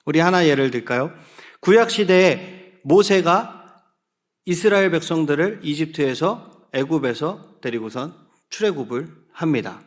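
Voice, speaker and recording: A man's voice: a little high, expressive, a little slow. A man preaching a sermon to a youth group in a church, often asking the listeners questions and calling on them to read aloud together. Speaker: youth pastor.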